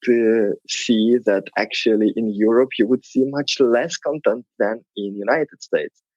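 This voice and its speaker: A man's voice: mid-range voice, darkish tone, no room sound, highs cut off. A man with a Lithuanian accent and non-native English phrasing, explaining things conversationally as an interview guest. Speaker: podcast guest, tech project representative.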